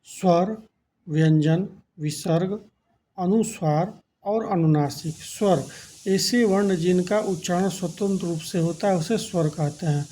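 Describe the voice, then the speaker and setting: A man's voice: high-pitched, a little slow, warm tone, slight background noise. A man teaching a grammar lesson, defining each term, then spelling out letters and counting them aloud one by one. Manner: defines terms then repeats them for emphasis.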